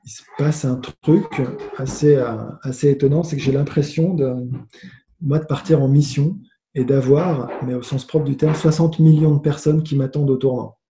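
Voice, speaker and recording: A man's voice: fairly high pitch, moderate pace, slight background noise. A man, a guest on a remote call, tells a story casually and with energy, swearing and restarting his sentences often. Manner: animated, swearing, many restarts. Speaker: guest, former tennis player. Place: home with noise nearby. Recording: roomy echo.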